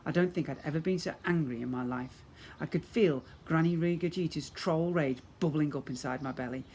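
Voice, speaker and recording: Acting as a teacher, a man reads a children's storybook aloud in an expressive, dramatic storytelling style. His pitch is fairly high and his pace fairly quick, with slight noise in the background.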